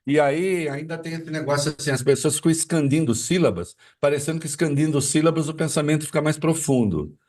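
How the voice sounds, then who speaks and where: A man's voice: a little high, a little fast, hardly any pauses, darkish tone, distant mic. A man giving live political commentary, arguing with rhetorical questions and frequent fillers.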